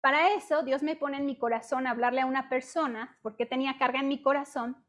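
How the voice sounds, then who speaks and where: A middle-aged woman with a Mexican accent giving a conversational testimony sermon to a women's group, speaking over a video call and constantly checking in with her listeners through quick rhetorical questions. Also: high-pitched, steady tone, a bit bright. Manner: chatty, peppers talk with rhetorical questions; acts out her own past complaints in dialogue.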